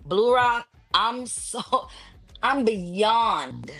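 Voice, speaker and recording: A woman's voice: fairly high pitch, big pitch swings, drawn-out words, loud music behind the voice. Robotic-sounding woman on a glitchy call. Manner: heated, riled-up, repeats herself, mutes her own swearing. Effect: robotic, glitchy sound from a cutting-out online connection. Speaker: call-in guest on a live show. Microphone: remote online call.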